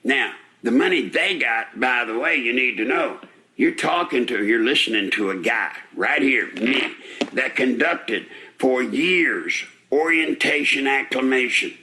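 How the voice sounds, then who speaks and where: Slow, breathless older male radio host. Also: mid-range voice, animated, pushed and bright. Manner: folksy, rambling, indignant, with rhetorical questions. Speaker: radio talk show host. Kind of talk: live call-in radio commentary.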